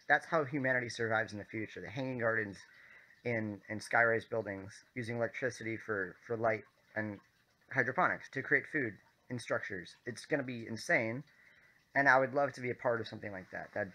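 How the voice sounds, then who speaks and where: A man casually telling a story as a vlogger, animated and full of fillers. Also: medium pitch. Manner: animated, many fillers and restarts.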